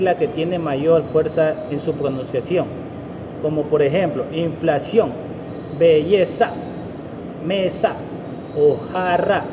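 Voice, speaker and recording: A man's voice: fairly high pitch, noisy background. A man giving a student presentation on grammar, reading his explanations with a few slips.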